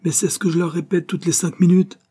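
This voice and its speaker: A man voicing a burly mustached dig foreman who answers in strained, half-whispered shouts. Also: lowish voice, slow, husky. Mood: exasperated.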